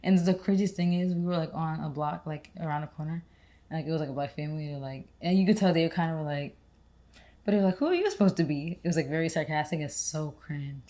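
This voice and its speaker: A woman's voice: low-pitched, steady tone, quick pace, warm tone. A young woman co-hosting a podcast, talking in a casual, rambling way with lots of "like" fillers. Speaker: podcast co-host. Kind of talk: casual conversational chat.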